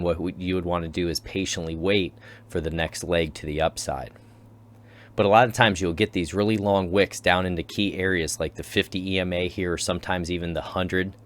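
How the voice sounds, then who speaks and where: A man's voice: sits low, fairly even intonation, fairly quick. A man hosting his own channel, talking casually through chart analysis and repeating key terms as he explains. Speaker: crypto channel host.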